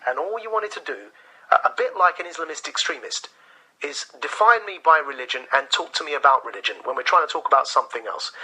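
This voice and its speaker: A man hosts a radio call-in show, speaking firmly and breaking in again and again to hold the topic. His voice is very bright and edgy, with a husky grain. It comes through as a radio broadcast. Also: on the high side, rough recording. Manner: firm, repeatedly interrupting to keep order. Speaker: radio host. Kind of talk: radio phone-in.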